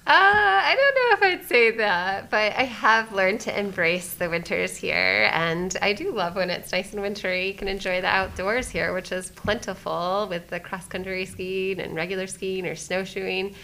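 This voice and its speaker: A woman answers interview questions in a bright, clear voice of middle pitch. She speaks warmly and with enthusiasm. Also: normal speed, hardly any pauses. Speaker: program manager, interview guest.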